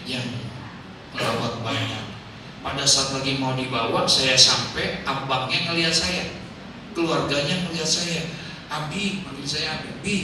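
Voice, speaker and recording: A middle-aged man with a Betawi Jakarta accent preaching a comic sermon, telling jokey stories and acting out the voices of the people in them. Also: mid-range voice. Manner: jokey, acts out quoted voices, shouts punchlines. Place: outdoor market gathering. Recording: echoey distant PA sound, noisy crowd.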